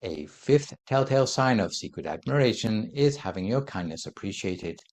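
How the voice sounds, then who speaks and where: Speaking in a somewhat low voice, a monk whose native language isn't Thai delivers a calm Buddhist dharma talk. He explains each point gently and at a measured pace.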